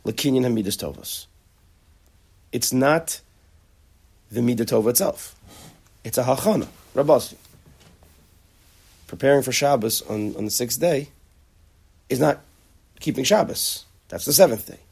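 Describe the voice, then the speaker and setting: A man's voice: mid-range voice, measured pace, creaky, long pauses, a little mellow, husky. A man teaching a conversational lecture on character traits, acting out bits of dialogue and often restarting his sentences. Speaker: Torah teacher.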